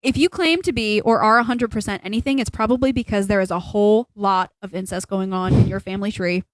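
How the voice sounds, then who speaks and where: A young woman co-hosting a podcast rambles in casual, opinionated chat, hammering her points with emphasis. Her mid-range voice moves at a quick pace. The audio is poor, with no echo.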